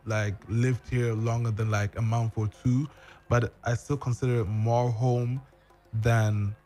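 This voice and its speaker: A man's voice: mid-range voice, little pitch movement, unhurried, dark tone. A young man from Germany speaks on a studio mic in a small radio room. He talks earnestly and at length, his sentences stitched together with casual fillers. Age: young adult. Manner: earnest, talks in long runs with many "like"s. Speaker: guest blogger. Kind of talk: casual podcast conversation. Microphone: studio mic with headphones.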